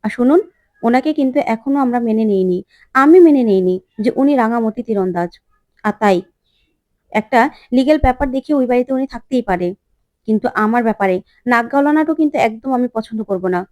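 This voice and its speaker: A woman's voice: on the high side, expressive, fairly quick, a little mellow, no room sound, muffled recording, close to an everyday voice. A woman reading the lines of a defiant, guarded young woman in a retold TV serial.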